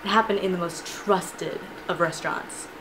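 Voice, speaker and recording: A young woman, a student, telling a casual storytime vlog in a chatty, animated way with frequent laughs, filmed at home on a camera in her room. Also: lowish voice, normal speed. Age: young adult. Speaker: vlogger. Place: bedroom with shelves of figurines, indoors. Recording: noisy home recording.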